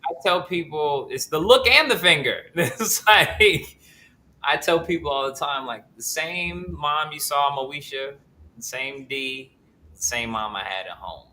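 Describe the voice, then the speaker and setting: A man in his thirties, an actor guest answering interview questions earnestly over a remote call, halting with many fillers. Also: on the high side, bright, forceful tone, poor audio. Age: 30s. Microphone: remote call connection.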